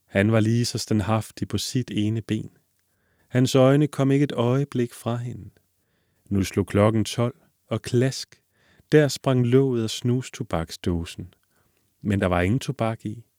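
A man reading a classic fairy tale aloud in a calm, measured storytelling manner. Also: medium pitch, no room sound, clean studio sound. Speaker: narrator.

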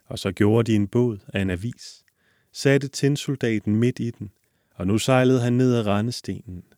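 A man reading a classic fairy tale aloud in a calm, measured storytelling manner. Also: mid-range voice, no echo, clean studio sound. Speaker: narrator.

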